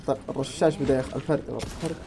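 Fast-talking excitable gamer man. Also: mid-range voice, vocal fry, slight background noise. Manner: excitable, talks to himself and viewers, shouts at enemies. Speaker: gameplay streamer. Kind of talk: casual gameplay commentary.

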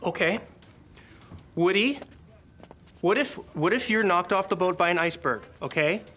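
Nervous stammering director, slightly high bright voice, flustered sitcom acting. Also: male voice, lively intonation, a little hiss or hum. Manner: halting, stammering. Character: hesitant, flustered, eager-to-please male film director.

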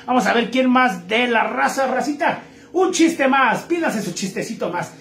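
High-voiced Mexican man cracking jokes. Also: expressive, moderate pace, creaky, fairly bright tone, echoey room. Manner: crude slang, chatty, greets viewers. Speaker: streamer telling jokes. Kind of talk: casual live-stream joke telling.

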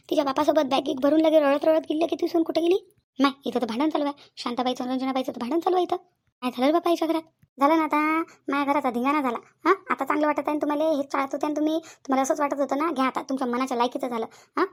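A woman's voice: high-pitched, a little mellow, lightly acted. A woman voicing quarrelsome middle-aged village women in a cartoon, accusing and bickering. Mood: quarrelling. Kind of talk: cartoon voice acting.

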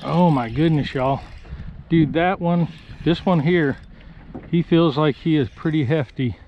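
A fishing vlogger gives casual play-by-play to viewers from a small boat out on open marsh water, sounding folksy and excited. His voice is fairly high and his pace measured. A chest-mounted action camera captures slightly dull audio with faint water noise.

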